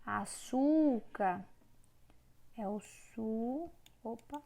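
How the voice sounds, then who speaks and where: A woman teacher giving a recorded grammar lesson, dictating words slowly and clearly syllable by syllable. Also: on the high side, steady tone, warm tone. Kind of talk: online Portuguese grammar lesson.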